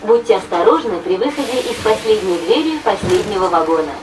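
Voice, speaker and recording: A woman making calm, formal station announcements, played over a train loudspeaker. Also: brisk, far from the mic. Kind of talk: recorded transit announcements. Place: inside a moving subway train. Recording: echoey carriage speaker, heard from afar, over train rumble.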